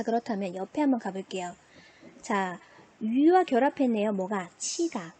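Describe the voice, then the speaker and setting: A woman's voice: fairly high pitch, warm tone, husky. A woman teaching an online language lesson, patiently asking questions and answering them herself. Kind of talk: online classroom lecture.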